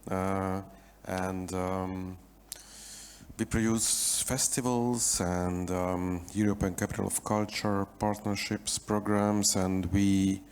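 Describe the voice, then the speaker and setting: A man from Hungary introducing himself as a panelist, hesitant with many pauses and fillers. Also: deep voice. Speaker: panelist, festival producer.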